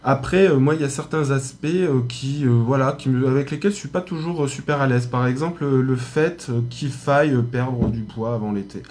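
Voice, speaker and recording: Man, French accent, casual live stream chat, hotel room, many fillers and restarts, mid pitch. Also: fairly quick, few pauses, a little mellow. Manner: chatty, many fillers and restarts, laughs at himself. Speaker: aromatherapy teacher.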